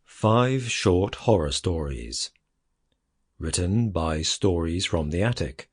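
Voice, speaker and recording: A man narrating a first-person horror story in a measured way, with wry asides. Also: low voice, lively intonation, breathy edge, dry recording, clean studio sound. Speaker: audiobook narrator.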